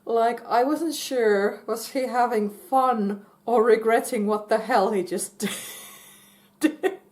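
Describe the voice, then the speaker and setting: A woman casually telling a personal story in a halting way, full of fillers and restarts and breaking into giggles. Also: on the high side, a little mellow. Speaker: vlogger.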